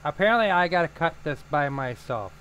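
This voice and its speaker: A man chats over a farming game stream, his pitch swinging widely as he exclaims and curses at the game. He teases his friends in quick, offhand remarks. Faint background noise sits under his voice. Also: animated, fairly bright tone, muffled recording. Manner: swears often, quick exclamations, teasing. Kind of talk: casual gaming chat.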